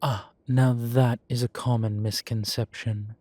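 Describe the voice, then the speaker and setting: Here a mid-range male voice, flat in delivery and lightly acted, with no echo, voices an urbane, centuries-old demon professor. In this one-sided scripted roleplay, the droll, proud character lectures a student patiently, genteel and never rushed.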